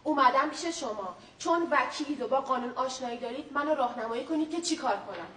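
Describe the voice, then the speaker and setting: Suspicious wife, high bright voice, accusing, echoey stage. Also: female voice, expressive, slight background noise. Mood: complaining. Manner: accusing, insistent. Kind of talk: stage comedy acting. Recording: distant echoey stage recording.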